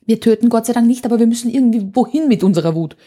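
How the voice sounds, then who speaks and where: A woman's voice: fairly high pitch, racing, mellow, husky. Emphatic woman anger coach. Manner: emphatic, explaining with vivid examples. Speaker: anger coach, podcast guest. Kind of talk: conversational interview.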